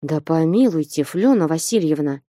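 A woman's voice: sits low, lively intonation, moderate pace, dark tone, no room sound, studio quality. A woman voicing a timid, frightened man who pleads and protests, in a read-aloud story. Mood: pleading. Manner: pleading, plaintive. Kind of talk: audiobook character reading.

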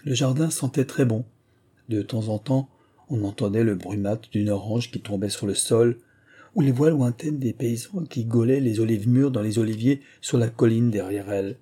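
A man narrating a literary audiobook in a measured, expressive reading. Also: medium pitch, slightly rough.

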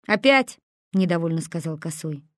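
A woman narrating a story in an expressive, lively audiobook reading. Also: lowish voice, normal speed, no echo, studio quality.

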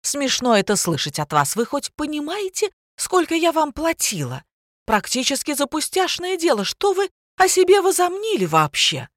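A woman reading an audiobook voices a loud, haughty middle-aged woman, indignant and imperious. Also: sits high, huge pitch swings, normal speed, no echo, clean studio sound, pitched above the performer's own voice. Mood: scornful.

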